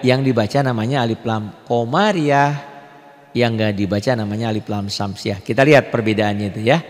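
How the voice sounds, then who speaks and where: In a beginners' tajwid lesson, a man patiently teaches the rules of Quran recitation, repeating points and posing rhetorical questions. His voice is fairly low and a little fast, with a long reverb tail.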